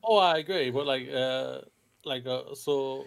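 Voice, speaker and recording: A man co-hosting a podcast in casual chat, rambling and addressing listeners as ladies and gentlemen. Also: medium pitch, a little slow, creaky, clean tone. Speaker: podcast co-host.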